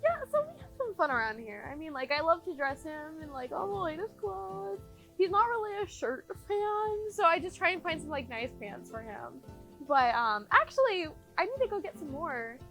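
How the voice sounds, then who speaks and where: A woman plays a sheepish young mockumentary subject. She speaks high and hesitantly, rambling as she defends herself. Music plays clearly behind her. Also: very animated, normal speed, fairly bright tone, heavily acted. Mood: sheepish, defensive. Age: young adult. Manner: hesitant, giggly, rambling confessional. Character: sheepish 21-year-old woman defending her odd collection. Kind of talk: mockumentary interview.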